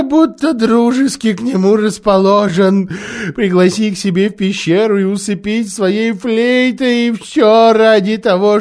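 A man voicing a weeping, remorseful male faun who talks in a high, pleading, sobbing voice in an audiobook. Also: exaggerated voice. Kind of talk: audiobook character voice.

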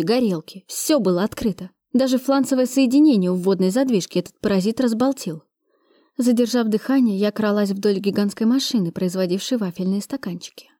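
A woman narrating a first-person thriller audiobook in a steady, brisk manner. Her voice is mellow and darkish, recorded close and dry with no room sound. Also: medium pitch, no room sound. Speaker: audiobook reader.

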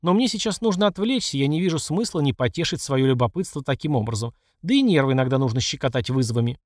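Brief: male narrator playing an ironic, unhurried old emperor in an audiobook, lively pitch. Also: no room sound, studio quality, lightly acted. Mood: amused calm. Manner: politely teasing, unhurried. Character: calm ironic aging male emperor, bald.

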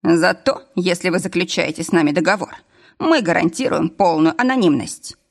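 A woman's voice: fairly low pitch, normal speed. Woman doing a brash young detective guy. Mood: brisk.

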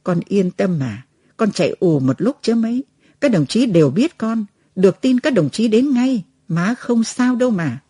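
A frail older mother near death, speaking in a faint, halting whisper, as a woman puts her on while reading. The voice is breathy and mellow, and it rises and falls freely. The recording is close and dry. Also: mid-range voice, lively intonation, no echo. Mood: urgent. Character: dying older mother, weak yet resolute.

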